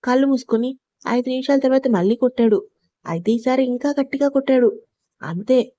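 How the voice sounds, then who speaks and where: A woman narrates a serialized romance audio story, reading expressively and taking on voices for the characters. Her voice is fairly high but warm and mellow, recorded close on a dry home mic. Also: fairly quick, dry recording.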